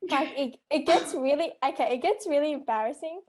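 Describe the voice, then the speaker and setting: A teenage girl co-host with a high, bright voice. She chats casually and laughs easily while sharing stories. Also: fairly quick. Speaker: student podcast co-host. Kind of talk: casual chat.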